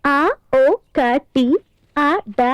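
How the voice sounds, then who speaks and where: A woman's voice: fairly bright tone, no room sound. An actress playing a witty young lawyer wife who teases her husband in film dialogue. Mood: teasing. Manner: teasing, quick-witted.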